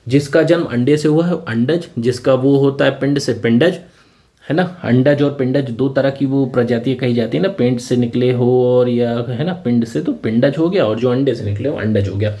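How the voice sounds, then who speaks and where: A man teaching a vocabulary lesson for exam preparation. He explains each word patiently and keeps adding a quick tag question to check that his students are following. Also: mid-range voice, dark tone.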